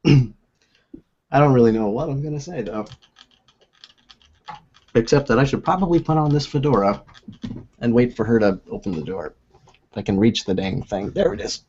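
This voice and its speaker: A man's voice: mid-range voice, normal speed, long pauses, a little mellow, breathy edge, muffled recording. A young man hosting a casual video call chat, rambling and laughing often as he talks from a room at home. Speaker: host. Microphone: own desk microphone.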